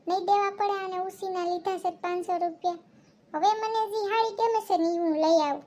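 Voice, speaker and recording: A woman voicing a sly, flattering housewife who borrows money in a cartoon, with a Kathiawadi Gujarati accent. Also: very high-pitched, fairly quick. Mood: wheedling. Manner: wheedling, flattering.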